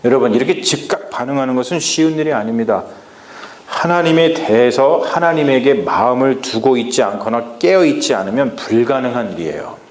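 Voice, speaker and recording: Korean pastor preaching in an echoey church. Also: male voice, medium pitch, animated, fairly quick. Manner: questions the congregation, acts out Bible lines in dialect. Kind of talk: sermon. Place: church sanctuary.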